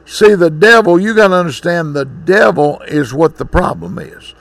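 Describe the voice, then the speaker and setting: A man's voice: high-pitched, moderate pace, creaky, fairly bright tone, no echo. A man preaching a sermon, reading scripture and then exhorting in a folksy way.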